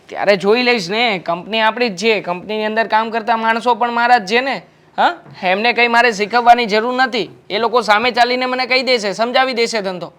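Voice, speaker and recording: A man's voice: extremely high pitch, fairly quick, bright, forceful tone. A young man playing a carefree husband, breezy and dismissive in a family drama.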